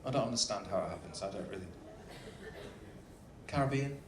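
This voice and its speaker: A man's voice: lowish voice, animated, a little fast, crowd noise. Upbeat male cruise director in an echoey venue. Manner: upbeat, joking showman. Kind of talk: comic welcome speech to a live audience. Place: large indoor ship venue with audience. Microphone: stage microphone. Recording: roomy echo, faint background noise.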